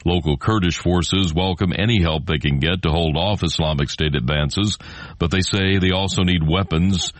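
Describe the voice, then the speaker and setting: A man's voice: low-pitched, moderate pace. A man with an American accent reading scripted world news as a radio anchor.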